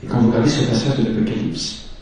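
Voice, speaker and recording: A man's voice: medium pitch, steady tone, warm tone, recorded from a distance, a little hiss or hum. Man preaching in an echoey church. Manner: slow, measured teaching with scripture reading. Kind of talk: sermon.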